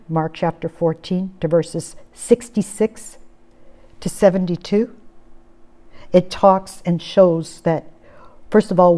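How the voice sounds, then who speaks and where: A woman delivers a sermon in an expressive way. She acts out the quotes she reads, lifting her voice high and strong on the declarations and sinking it low and soft on the sorrowful lines. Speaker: preacher.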